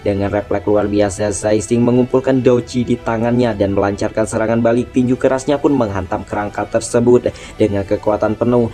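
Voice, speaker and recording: Low-voiced Indonesian man narrating fantasy drama. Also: dark tone. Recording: voice-over with music behind. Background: music.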